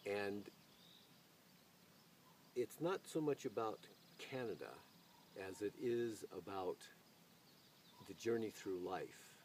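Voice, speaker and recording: A video channel host with a voice on the low side reads poetry aloud, giving a casual spoken introduction before an expressive recitation with deliberate phrasing. The mic is distant, with noise and birdsong in the background.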